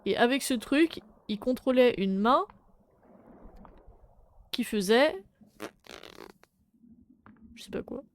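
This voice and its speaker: A young adult woman streaming a game, chatting casually with viewers in French, swearing and breaking into sudden loud exclamations. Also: on the high side, lively intonation, slow pace, long pauses, slight background noise. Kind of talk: casual live game commentary.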